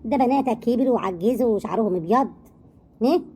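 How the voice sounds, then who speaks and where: A woman with an Egyptian accent voicing a sharp-tongued older mother-in-law who scolds and mocks. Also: on the high side, a little hiss or hum, lightly acted. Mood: accusing. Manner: scolding, mocking, rapid.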